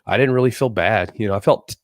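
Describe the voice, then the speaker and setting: Talking fast in a lowish, slightly nasal and congested voice, a man hosts a podcast casually and without a script. He rambles and repeats himself often; the studio-quality audio has no echo.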